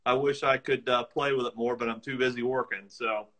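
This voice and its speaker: A man in his thirties joining a casual live chat from home, relaxed and modest, speaking a little away from the phone. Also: mid-range voice, fairly quick. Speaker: guest, the woman's husband. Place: home room, indoors.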